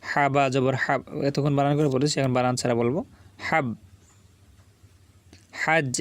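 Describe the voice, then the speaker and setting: A man's voice: mid-range voice, little pitch movement, racing, no room sound. A man teaching beginners to read the Quran, spelling out Arabic syllables and patiently repeating each one twice.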